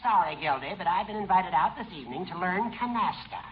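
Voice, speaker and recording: A man's voice: high voice, expressive, fairly quick. An actor playing a genteel older male judge in 1940s radio comedy style. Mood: genteel, apologetic. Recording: muffled, noisy vintage radio telephone scene.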